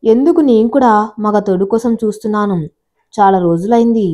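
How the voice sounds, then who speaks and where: A woman's voice: medium pitch, brisk, warm tone, lightly acted. Woman voicing a coy teasing young woman.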